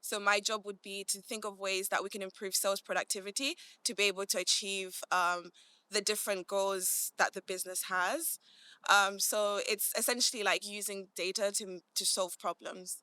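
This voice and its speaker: This young British woman speaks in a mid-range voice at normal speed, with little pitch movement and a sharp yet smooth tone, and the recording has no echo. Born in Malawi, she grew up in Manchester, England, and works as a commercial analyst. Appearing as a podcast guest, she answers casually and informally, using "like" a lot.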